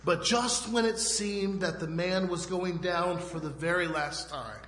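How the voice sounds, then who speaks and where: A man preaching a sermon in short phrases, pausing so an interpreter can translate. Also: high voice, fairly bright tone. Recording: echoey hall with long reverb.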